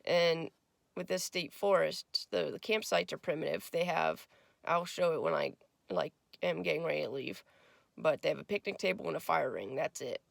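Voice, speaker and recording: Woman vlogger, morning-raspy gravelly voice, chatty and rambling, dry close sound. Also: low-pitched, sing-song, normal speed, no room sound. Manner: rambling, filler-heavy, chatty. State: just woke up. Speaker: travel vlogger. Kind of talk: casual vlog chat. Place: in a car at a forest campsite.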